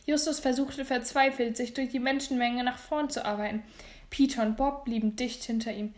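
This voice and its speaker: A woman narrates a children's mystery audiobook in a lively, clear storytelling manner. Her voice sits fairly high. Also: normal speed.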